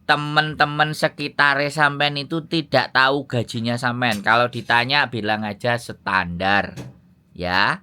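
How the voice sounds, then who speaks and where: A man's voice: medium pitch, steady tone, unhurried, sharp tone, smooth. A man with a Javanese accent giving fatherly, lecturing advice in a casual phone chat.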